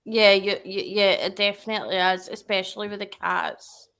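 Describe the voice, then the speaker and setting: A woman's voice: mid-range voice, fairly even intonation, normal speed, vocal fry, fairly bright tone. A woman chatting casually as a guest on a livestream, rambling and correcting herself as she goes.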